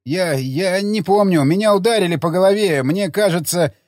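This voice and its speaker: Brief: male narrator as cowering hungover soldier, stuttering and whimpering, higher voice, dry mic. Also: moderate pace, a little mellow, no room sound, natural voice. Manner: stammering, whimpering, meek. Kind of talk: audiobook character reading.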